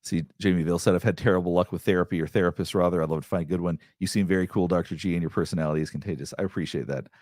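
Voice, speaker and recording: Speaking very fast with few pauses, this middle-aged therapist from the Southeastern US chats casually on a livestream, answering viewer questions in a rambling way full of restarts and fillers. His deep, darkish voice keeps a steady tone. The sound is clean studio audio with no echo.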